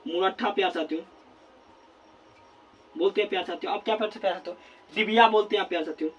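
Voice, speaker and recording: A male teacher giving a classroom grammar lesson at a board, repeating words slowly as he writes and asking questions he then answers himself. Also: sits high, slightly rough, dull audio, soft background music. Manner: repeats words slowly while writing, constant filler phrase.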